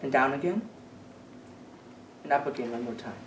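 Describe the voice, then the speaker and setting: A woman with an extremely low-pitched voice speaks at a moderate pace as she performs magic for a children's party, mixing patter, instructions and questions to the kids. The mic is distant, the room echoes, and there's background noise.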